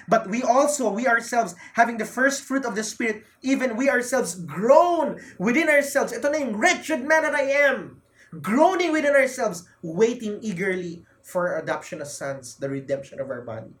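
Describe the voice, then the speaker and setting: In a mid-range voice, this Filipino-accented preacher gives a forceful sermon. He repeats important phrases and shifts back and forth between fervent, loud passages and softer ones.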